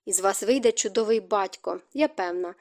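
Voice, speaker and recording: A woman voicing a lively, kind-hearted young lady in an audiobook, speaking earnestly and a little teasingly. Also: medium pitch, normal speed, lightly acted.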